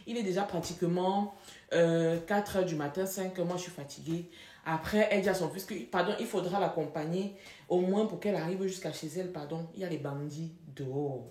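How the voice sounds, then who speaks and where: A young woman telling a personal story in casual chat, animated and laughing, with dramatic emphasis. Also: lowish voice, a little fast. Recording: echoey room.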